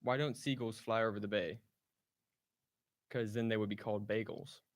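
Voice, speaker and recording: A man trading dad jokes in a contest, delivering setups and punchlines deadpan with short thoughtful hums. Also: lowish voice, moderate pace. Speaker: joke contestant.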